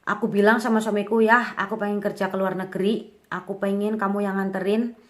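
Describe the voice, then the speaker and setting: A vlogger in her twenties speaks directly to the camera, telling her own story candidly and casually with lots of fillers. Her voice is medium in pitch and her delivery is brisk.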